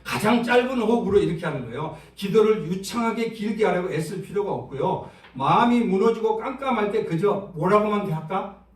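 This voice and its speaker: A man's voice: sits high, animated, fairly quick. A man preaching a sermon as pastor, talking conversationally and asking the congregation questions. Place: church sanctuary. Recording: roomy church sound from a distance.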